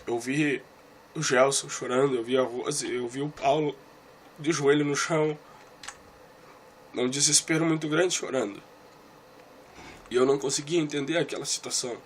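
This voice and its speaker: A man tells a listener about a vision in a heartfelt religious testimony. His voice sits at an ordinary middle pitch, and he circles back over his own phrases as he speaks. A faint background hiss runs under the recording. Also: steady tone, moderate pace, pauses often. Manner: earnest and emotional, with repeated phrases; talks straight to one listener.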